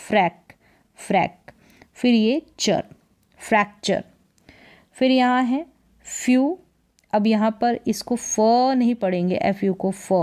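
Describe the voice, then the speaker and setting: A woman with a Hindi accent teaches spelling and pronunciation at an unhurried pace. Her voice is soft and mellow, and she repeats each syllable and asks her students what it says. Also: medium pitch. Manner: breaks words into syllables, repeats each sound and asks rhetorical questions. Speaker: English reading teacher.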